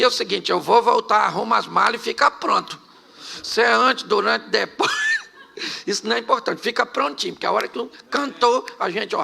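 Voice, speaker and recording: A Brazilian man preaching a humorous storytelling sermon, animated and joking, often laughing between phrases. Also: high-pitched, creaky. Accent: Brazilian Portuguese. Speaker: pastor.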